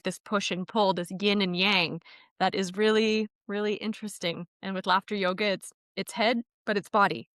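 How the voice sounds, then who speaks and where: A woman hosts a podcast interview in a relaxed, conversational way. Her voice sits in a middle range and she sounds warm and affirming. The recording is dry and close. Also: mid-range voice, dry recording. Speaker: podcast host. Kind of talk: casual interview chat.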